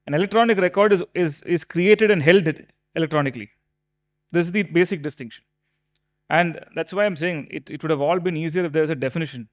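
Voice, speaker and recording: A man giving a lecture to professionals, explaining slowly and emphatically with repeated examples. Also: on the high side. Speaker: speaker at a tax law seminar. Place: hotel conference hall.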